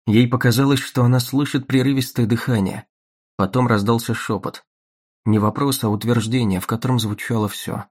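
A man narrating an audiobook in a measured, even reading manner. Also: medium pitch, husky. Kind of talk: scripted narration.

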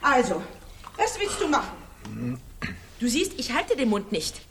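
An actress playing a volatile, mocking wife in a radio play, with a theatrical, taunting way of speaking. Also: female voice, a little high, huge pitch swings, unhurried, fairly bright tone, slight background noise, heavily acted. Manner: theatrical, taunting, emotional outbursts. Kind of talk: 1990 radio play acting.

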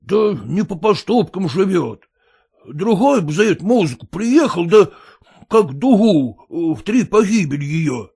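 A man doing a gravelly pleading peasant. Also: high voice, very animated, darkish tone, voice pushed up, exaggerated voice. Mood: grumbling. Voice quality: rough, rustic speech. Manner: wheedling, halting with fillers.

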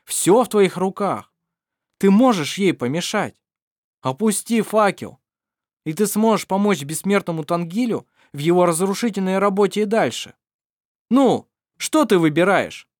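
A bold young man presses his case in urgent, forceful speech, as an audiobook narrator voices him, pitched somewhat higher than the narration. The sound is dry and close to the mic. He comes across as fierce and persuasive. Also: expressive, a little slow, dry recording.

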